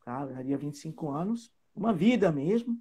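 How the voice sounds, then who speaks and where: A man from Trinidad and Tobago, his English, chatting as a guest teacher and pausing often to find his words. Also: fairly high pitch, lively intonation, warm tone, breathy edge. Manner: hesitant, searching for words, with many fillers. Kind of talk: casual live chat.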